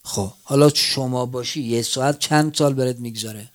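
Preacher, swinging loud to hushed. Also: male voice, mid-range voice. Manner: swings between loud cries and hushed near-whispers, tearful chant. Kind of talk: mourning sermon.

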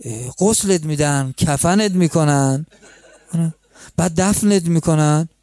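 A preacher voicing a gentle, patient holy man who calmly questions a beggar in a mellow voice. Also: fairly high pitch, dry recording, natural voice.

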